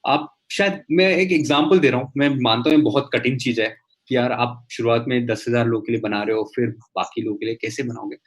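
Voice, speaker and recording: A man's voice: mid-range voice, brisk. Rambling man on a video call. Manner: rambling, many fillers and restarts. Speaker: guest entrepreneur. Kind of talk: casual explanation on a video call.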